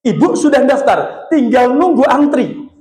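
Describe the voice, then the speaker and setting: A gentle, caring old father speaks kindly to his grown son, as a male preacher voices him in a story. He asks his questions softly, a little lower than the preacher's very high voice. The words echo in a hall. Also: animated, unhurried. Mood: gentle fatherly. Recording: echoey hall.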